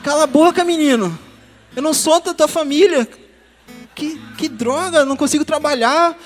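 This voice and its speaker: A man imitating a gruff, impatient older woman nurse who snaps and scolds, in a long hall reverb with soft music behind. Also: extremely high pitch, normal speed, voice pushed up. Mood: scolding. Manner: scolding, snappy.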